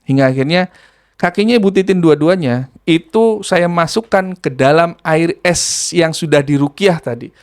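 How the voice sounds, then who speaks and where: A man practising ruqyah, retelling a healing session in a casual, animated way and acting out the scene. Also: a little high, moderate pace, smooth. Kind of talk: casual spoken storytelling.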